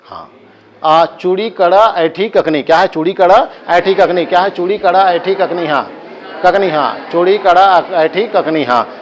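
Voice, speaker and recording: A man's voice: sits high, measured pace. A male coaching teacher with a Chhattisgarhi accent, giving a live class lecture, drilling students with chanted repetition and joking asides.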